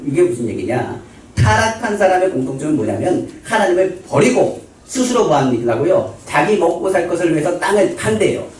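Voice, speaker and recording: Male pastor, high-pitched, asks and answers his own questions, recorded from far off in a roomy church. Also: darkish tone, a little hiss or hum. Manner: asks the congregation questions and answers them himself. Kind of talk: sermon. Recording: echoey hall, voice from far off.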